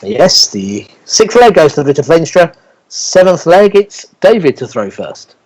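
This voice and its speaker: A man's voice: fairly high pitch, sing-song, a little slow, darkish tone, slightly rough, low-quality recording. A man working as a darts score caller, announcing scores and legs in formal, short clipped calls.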